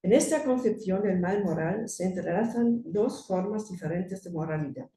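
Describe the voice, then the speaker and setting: A woman with a German accent reads an academic paper in a very soft, dark tone. Her delivery is careful and a little halting. She is picked up from a distance in an echoey room with faint noise. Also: mid-range voice, lively intonation. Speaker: conference speaker. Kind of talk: scripted academic paper read aloud. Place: conference room.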